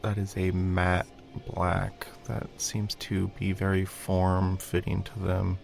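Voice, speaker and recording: A man's voice: deep voice, completely flat delivery, slow, vocal fry. A man acting as game master, improvising narration for a tabletop game. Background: background music.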